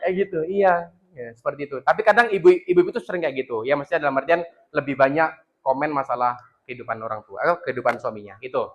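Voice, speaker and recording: A man with a Javanese accent giving a lively parenting talk to parents at a school, joking with them and acting out parents and children. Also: sits high. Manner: jokes with the audience and acts out parents and children. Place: school hall with a parent audience.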